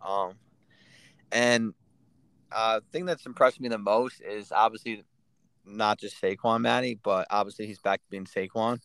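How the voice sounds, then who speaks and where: A man's voice: lowish voice, fairly even intonation, unhurried, vocal fry, fairly bright tone, smooth, dry recording. A man co-hosting a sports podcast, talking in a laid-back way, with lots of fillers and some swearing. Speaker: podcast co-host. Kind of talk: casual sports chat.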